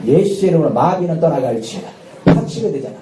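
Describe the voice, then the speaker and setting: A male pastor preaching a sermon with lively energy, often shouting out dramatic lines and laughing. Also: a little high, fast talker. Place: church sanctuary at a Friday night service. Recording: echoey church hall, distant mic, faint noise.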